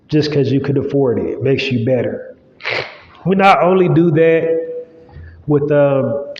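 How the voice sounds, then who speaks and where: This solo podcast monologue comes from a host whose stuffy nose colors his casual, rambling talk, packed with fillers. He has a rather high voice with a dark tone, and the room sounds large, echoey, and somewhat dull.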